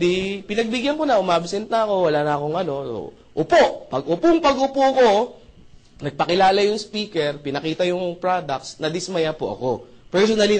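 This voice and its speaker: A young Filipino man giving a motivational business talk, telling a personal story with animated acted-out dialogue and frequent questions to the audience. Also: on the high side. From Philippines. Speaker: motivational speaker.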